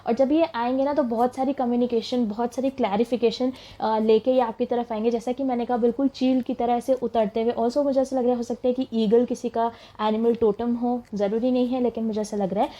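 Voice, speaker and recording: A young woman reads tarot cards in a chatty, casual way, slipping English words in as she goes. Her voice sits a little high but sounds mellow and soft-edged. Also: fairly even intonation, fairly quick, few pauses, lo-fi sound. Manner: chatty, mixes English words into Hindi, laughs as she talks. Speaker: tarot reader. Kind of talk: casual tarot reading for viewers.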